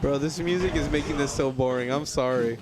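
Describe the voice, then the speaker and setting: A young man doing casual live commentary, blunt and joking in quick banter. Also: medium pitch, noisy background. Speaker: esports commentator. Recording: live stream with game music behind.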